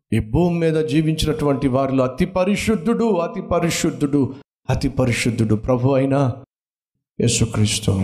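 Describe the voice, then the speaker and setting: Impassioned gravelly male preacher. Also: mid-range voice. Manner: impassioned, swings from soft to shouting. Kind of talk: emotional Telugu sermon.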